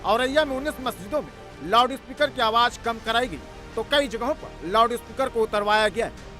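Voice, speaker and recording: A man with a strikingly high voice reads a scripted news report, sounding sharp and forceful. His delivery is dramatic, emphatic and animated at a moderate pace, with music clearly audible behind him.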